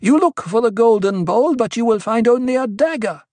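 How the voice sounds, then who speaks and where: Pitched above his or her own natural voice, a narrator plays a fierce young prophetess delivering cryptic pronouncements to a crowd in an audiobook. It is slow and medium in pitch on a dry recording, the commanding ritual intoning growing sharp and angry.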